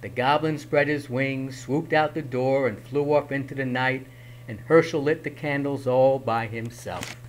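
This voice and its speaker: A man reading a children's picture book aloud in an expressive, dramatic way. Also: mid-range voice, unhurried, low-quality recording. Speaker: storyteller.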